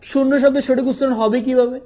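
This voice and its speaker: A young man from Bangladesh teaching a quick exam revision lesson, asking questions and answering them himself. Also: very high-pitched, flat delivery, warm tone.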